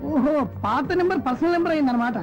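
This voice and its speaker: A high-voiced motormouth buddy. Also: male voice, lo-fi sound, faint music behind. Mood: eager. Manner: excitable, rapid chatter. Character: excitable young man, nosy meddling friend. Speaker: comic friend in a film. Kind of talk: film comedy dialogue.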